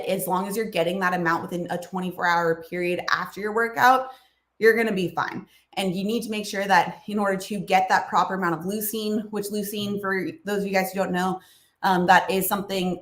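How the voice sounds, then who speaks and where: This woman speaks briskly and flatly at a medium pitch, her voice reverberating. Hosting a nutrition livestream Q&A, she answers casually with fillers and small laughs, her voice a bit froggy as she coughs and clears her throat.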